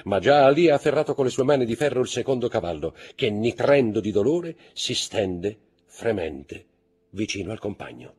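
Low husky man reading a novel. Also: a little mellow. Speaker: audiobook narrator. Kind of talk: scripted narration of a classic novel. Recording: faint background music.

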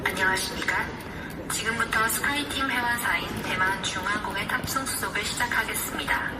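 A woman making a polite, formal airline check-in announcement over an airport loudspeaker. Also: medium pitch, distant mic, very noisy. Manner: polite, even, measured delivery. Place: airport terminal check-in hall. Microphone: vlogger's camera, far from the speaker. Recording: echoey loudspeaker heard from afar with loud music.

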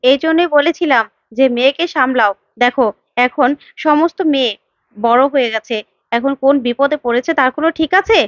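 A woman voicing a sharp-tongued neighbor woman who scolds and finds fault. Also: sits high, fairly quick, dry recording, dull audio, natural voice. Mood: scolding.

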